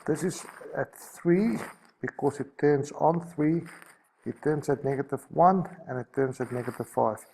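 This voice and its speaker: A man's voice: mid-range voice, a little slow, gravelly, warm tone, husky. A man teaching a maths lesson, talking through each step as he sketches a graph and correcting himself as he goes.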